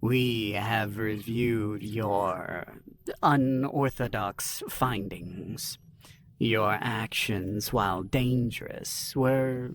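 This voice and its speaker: A solemn alien elder stateswoman, as a male narrator reads her. Her speech is slow, quiet and grave, at a middling pitch over a faint hiss of noise. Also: natural voice.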